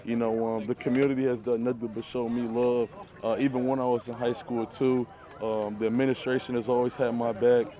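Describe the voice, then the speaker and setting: A man's voice: medium pitch, little pitch movement, a little fast, warm tone. A young man from Michigan, a college football player, talking earnestly and loosely with many fillers in an outdoor interview. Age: young adult. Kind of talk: casual interview talk. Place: outdoors at a youth football camp. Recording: crowd noise outdoors.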